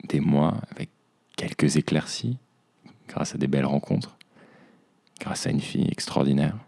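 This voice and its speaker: A young man with a very deep, gravelly voice and a dark, mellow tone. He hosts a podcast in a reflective personal monologue and looks back on hard months. He speaks to himself as "you". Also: lively intonation, unhurried. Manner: introspective, addresses himself as "tu". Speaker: podcast host.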